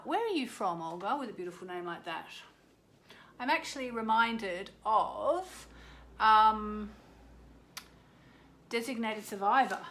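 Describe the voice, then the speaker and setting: A woman's voice: mid-range voice, a little hiss or hum. Chatty woman hosting a livestream. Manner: chatty, greeting viewers by name, warm asides. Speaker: astrologer hosting a live show. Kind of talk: casual livestream chat. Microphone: desk microphone.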